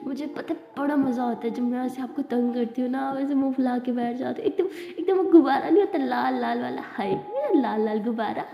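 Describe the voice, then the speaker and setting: A woman's voice: high-pitched, a little fast, creaky, hardly any pauses. Woman playing a shy bookish college girl, whiny and sweet, echoey lo-fi room. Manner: playful, whiny, affectionate. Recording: echoey room, dull lo-fi sound.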